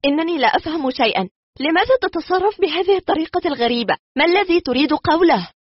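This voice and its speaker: A man's voice: very high voice, animated, fast, husky, dry recording, lo-fi sound, voice pushed up, full character voice. A man reading a story aloud, voicing a wary and indignant young woman who stammers and fires off suspicious questions. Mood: hostile.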